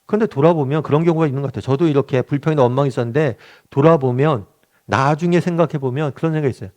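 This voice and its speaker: A man's voice: fairly high pitch, rapid-fire, a little mellow. A middle-aged male pastor leading a weekly Bible study, talking conversationally, asking the group questions and acting out quotes. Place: church meeting room.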